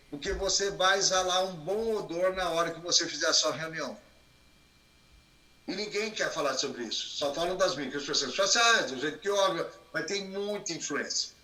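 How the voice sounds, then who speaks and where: Male speaker, high and very bright voice, expressive lecture delivery in an echoey room. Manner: expressive, plays with rising and falling voice. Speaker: guest speaker. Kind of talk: animated lecture on a live stream.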